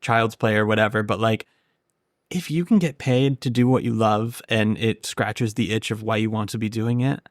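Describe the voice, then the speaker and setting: A man's voice: lowish voice, normal speed, no room sound, clean studio sound. A man hosting a podcast, talking in a frank, encouraging way and swearing casually. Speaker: podcast host.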